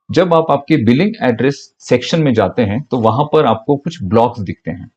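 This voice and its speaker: A man's voice: mid-range voice, darkish tone, muffled recording. A man patiently explaining a payment procedure step by step in a short instructional audio. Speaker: online business mentor.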